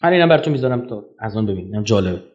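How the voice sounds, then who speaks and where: A man giving a public lecture in an animated, argumentative way, firing rhetorical questions and swinging from loud to soft. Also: lowish voice, muffled recording. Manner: animated, rhetorical questions, sharp jumps in loudness; mocking, argumentative.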